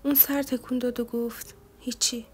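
A woman narrating a romance novel in a soft, hushed, even reading voice. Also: fairly high pitch, soft background music. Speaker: audiobook narrator.

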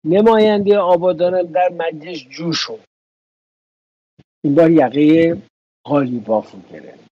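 Man, political commentary, sarcastic, emphatic, husky, dry studio sound. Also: on the high side, no echo, highs cut off.

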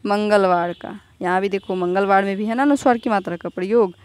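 A woman teacher giving a recorded lesson to young children. She asks questions, answers them herself and repeats each word slowly. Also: mid-range voice, darkish tone. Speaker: school teacher.

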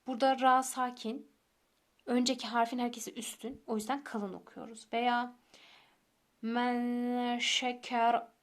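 A young woman teacher explaining recitation rules patiently, repeating each rule step by step and slowing down for examples. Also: on the high side, fairly even intonation. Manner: slows down to recite example words. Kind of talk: recorded tajweed lesson.

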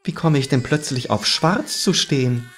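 A man voicing a flustered, indignant male chess bishop who is a lute-playing bard, pleading in a high plaintive voice. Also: lively intonation, moderate pace, fairly bright tone, slight background noise. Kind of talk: audiobook character voice. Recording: music playing underneath.

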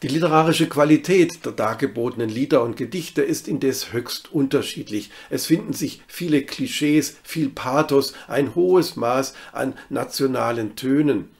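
A man giving a scripted documentary narration for a literary city tour, reading in a measured, even manner. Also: mid-range voice, vocal fry.

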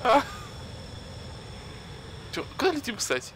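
A man role-playing a passenger in joking game chat, theatrical and excitable. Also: very high-pitched, slow pace. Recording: faint background noise.

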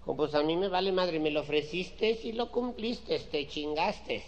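A man's voice: on the high side, unhurried, highs cut off, slight background noise, voice pushed up. A man voicing a blunt young bride, crude and pushy in a comedy routine.

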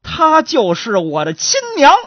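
A woman's voice: medium pitch, wildly swooping pitch, measured pace, fairly bright tone, husky, no room sound, lo-fi sound, full character voice. A woman voicing a firm reproachful young wife. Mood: solemn.

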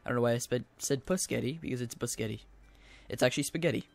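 Excitable young man rambling over gameplay. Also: medium pitch, fast talker, vocal fry. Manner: excitable, rambling, goofy asides. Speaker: gaming video host. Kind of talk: casual let's-play commentary.

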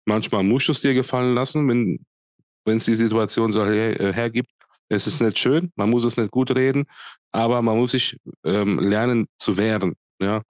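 A man's voice: fairly low pitch, fairly even intonation, normal speed, dry recording. Man, Palatinate German accent, thirties, blunt colloquial podcast chat, dry close sound. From Speyer, Germany. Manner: blunt, colloquial, many fillers and restarts. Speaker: podcast co-host. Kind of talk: casual chat. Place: home room, indoors. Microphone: studio mic on arm, video call.

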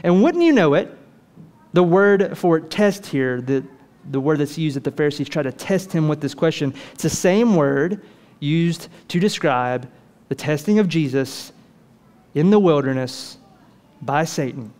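Brief: male pastor, a bit high-voiced, chatty sermon delivery with lots of questions. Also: measured pace. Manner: lively, conversational preaching with rhetorical questions.

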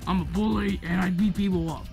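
A performer voicing a rude male bully pupil in a plush-toy story, boastful and halting. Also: medium pitch, fairly even intonation, creaky, a little mellow, faint music behind, lightly acted.

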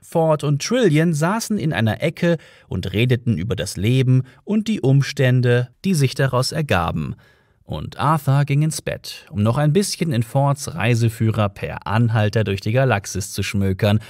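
A man reading an audiobook, narrating in a measured storytelling way with dry humour. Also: mid-range voice, big pitch swings, a little mellow, dry recording. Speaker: audiobook reader.

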